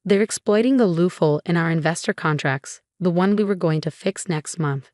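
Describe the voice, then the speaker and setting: A woman's voice: fairly low pitch, moderate pace, darkish tone, no room sound, clean studio sound, close to an everyday voice. A woman voicing a panicked male business partner with a trembling voice, in a storybook narration. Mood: frantic.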